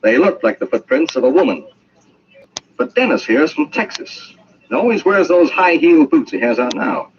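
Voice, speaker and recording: An actor playing an insistent, cocksure police constable making accusations in an old-time radio drama. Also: male voice, a little high, big pitch swings, normal speed. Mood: accusing. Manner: insistent, triumphant. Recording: muffled, hissy old radio recording.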